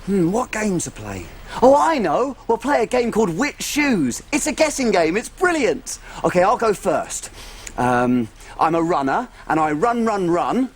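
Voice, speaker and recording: A man's voice: high-pitched, big pitch swings, a little slow, a little hiss or hum. A man playing a tiny, cheerful, eager little cook in a children's show, with an exaggerated, enthusiastic sing-song delivery. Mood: bright, playful. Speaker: children's TV presenter. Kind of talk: playful children's show presenting and storytelling.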